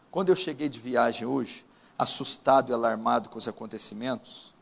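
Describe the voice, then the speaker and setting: Gravelly-voiced Brazilian pastor in a reverberant church. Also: male voice, medium pitch. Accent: Brazilian Portuguese. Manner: solemn, emphatic, with drawn-out pauses. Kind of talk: sermon with opening prayer. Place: church service.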